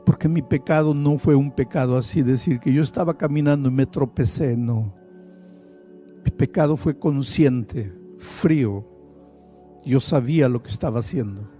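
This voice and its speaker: A man voicing a guilt-ridden woman, a former missionary, who confesses in a low, quiet, halting voice. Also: faint music behind, lightly acted. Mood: despairing, tearful.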